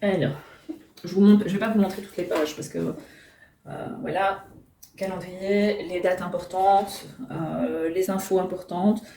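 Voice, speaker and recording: A woman's voice: on the low side, steady tone, unhurried, vocal fry, mellow, slight background noise. A middle-aged woman chatting casually to camera as a book vlogger, hesitant and self-mocking, at home. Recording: roomy and a bit distant.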